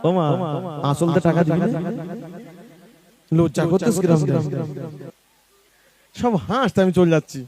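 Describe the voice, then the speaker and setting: High-voiced man, singing and coaxing. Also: dark tone. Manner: affectionate, coaxing, teasing, drawn-out singing. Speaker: devotional street singer. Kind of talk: sung devotional songs and coaxing banter.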